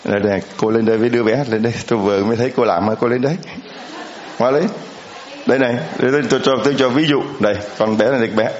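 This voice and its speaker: A man's voice: mid-range voice, fairly even intonation, racing. Male priest, homily, chatty, questions to the congregation, echoey church, slightly muffled sound. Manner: conversational, asks the congregation questions.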